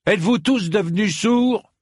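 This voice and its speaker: A blunt, weary young knight with a gravelly voice, as a man reading the story puts him on. He barks orders with rough force, slow and dry. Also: lowish voice, no room sound, full character voice. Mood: commanding. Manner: forceful, commanding when shouting orders. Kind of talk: scripted narration.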